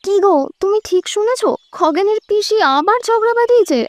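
Cartoon role: an earnest village wife, very high voice. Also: female voice, lively intonation, normal speed, no echo. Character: worried village wife, determined. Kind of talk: cartoon voice acting.

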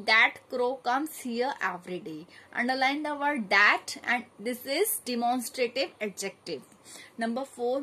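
Husky-voiced woman teacher dictating answers. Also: a little high, rough recording. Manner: steady, methodical dictation of exercise answers. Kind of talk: grammar lesson, reading out answers.

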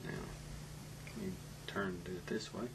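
A middle-aged man giving a step-by-step painting demonstration as a gentle, unhurried instructor, talking in short soft phrases while he works. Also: low voice, steady tone. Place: indoor dark studio, standing at easel. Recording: loud noise behind the voice.

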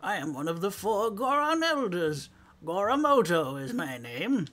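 A man voicing a solemn old male rock-creature elder in a slow, formal old-man manner, reading game dialogue aloud in character. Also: sits high, very animated, pushed and bright, heavily acted.

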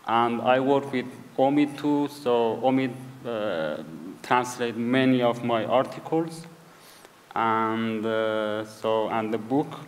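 A man from Iranian Kurdistan, an author appearing as a guest, speaks English as a second language with a Kurdish accent during a conversational on-stage interview. He is hesitant, searching for English words and repeating himself, in a mid-range voice with a steady tone. Hall reverb from the live event colors the recording.

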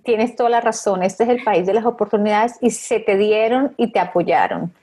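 A woman's voice: medium pitch, moderate pace, warm tone, husky. A middle-aged woman interviewing a guest over a video call through an earphone headset, asking encouraging follow-up questions. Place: home office.

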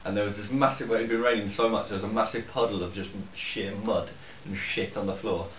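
A man's voice: lowish voice, fairly even intonation, quick pace, fairly bright tone. A young man, one of the vloggers, rambling through a crude anecdote in casual chat with friends, giggling as he goes. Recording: echoey room, far from the mic, faint hiss.

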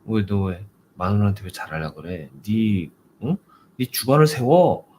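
A man's voice: lowish voice, sing-song, normal speed, a little mellow, a little hiss or hum. A man voicing a pushy male spirit that clings to a person and goads him, taunting and egging him on. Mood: goading. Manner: taunting, egging on with nagging tags.

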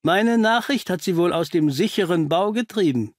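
A man's voice: on the high side, expressive, measured pace, no room sound, clean studio sound. A man reading an audiobook, voicing a confident, cheerful male detective who talks in a teasing, cryptic way. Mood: cheerfully triumphant. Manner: teasing, cryptic, self-assured. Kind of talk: audiobook character voice.

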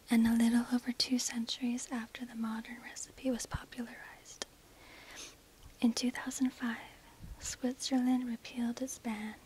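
A woman narrating a script in a breathy, unvoiced ASMR whisper, measured and deliberate, close on a binaural microphone. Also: on the high side, a little mellow, rough recording. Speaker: narrator of an ASMR history video.

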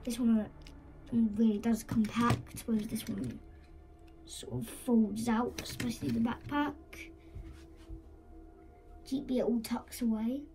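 A high, voice in a casual, unscripted toy review, rambling and halting with self-corrections. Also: fairly even intonation, a little mellow. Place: indoors, small tabletop green-screen setup. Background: music, occasional scratching from headphones.

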